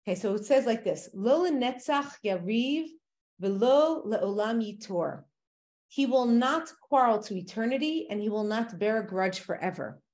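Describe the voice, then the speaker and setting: A woman giving a casual Torah lesson, explaining verses and asking rhetorical questions as she teaches. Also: mid-range voice.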